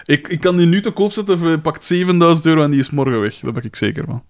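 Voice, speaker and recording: A man with a Flemish accent, telling a story in casual chat, with many fillers and high-pitched laughs. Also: quick pace.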